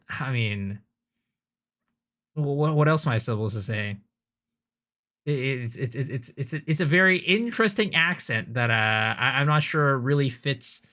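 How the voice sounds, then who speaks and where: A game streamer, a man, chats through a live reaction with a bright, forceful tone. He gets animated and trips over his words, repeating them as he reacts. His speech stays casual and conversational. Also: mid-range voice. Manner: animated, stammers and repeats words when excited.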